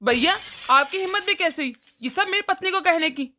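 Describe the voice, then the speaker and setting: A woman voicing a defensive younger brother in an animated cartoon, speaking with indignant outrage. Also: very high-pitched, brisk, exaggerated voice.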